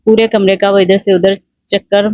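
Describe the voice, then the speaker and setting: A woman narrating a romance novel in a steady storytelling voice, in a dull lo-fi recording. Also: medium pitch, moderate pace, no echo. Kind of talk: audiobook narration.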